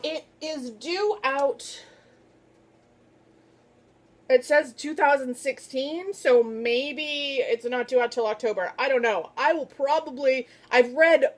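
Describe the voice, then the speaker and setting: Excitable gushing woman book vlogger. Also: high-pitched, slow pace. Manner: gushing, excitable, talks to viewers directly. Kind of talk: casual book haul chat.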